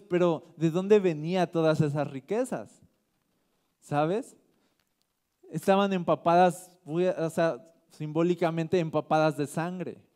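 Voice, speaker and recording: Mellow-voiced pastor teaching casually. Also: male voice, fairly high pitch. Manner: casual, keeps asking "¿sabes?", reads scripture aloud. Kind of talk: conversational sermon teaching.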